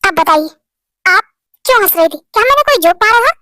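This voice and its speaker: A man's voice: very high voice, expressive, fast talker, pushed and bright, a little hiss or hum, heavily acted. A woman doing a teasing young male boss. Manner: playful, teasing. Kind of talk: Hindi fan-story voice acting.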